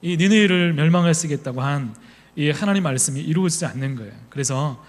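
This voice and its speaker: A man's voice: fairly high pitch, brisk. A man preaching a sermon as a pastor, telling a personal story and acting out his own thoughts. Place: church sanctuary. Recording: reverberant church hall.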